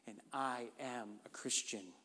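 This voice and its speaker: A man's voice: mid-range voice, slow pace, bright, forceful tone. A man preaching a sermon in an emphatic, conversational way, often checking in with the congregation. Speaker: pastor. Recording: long reverb of a large hall.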